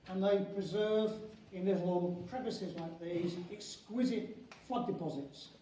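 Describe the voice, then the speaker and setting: An older man, a university professor who heads a geography school, lectures at an academic conference in a high, soft-edged voice. He speaks haltingly, restarting phrases and stressing key terms. The mic is distant in a large, echoing indoor venue, so the sound is heavily reverberant with faint noise.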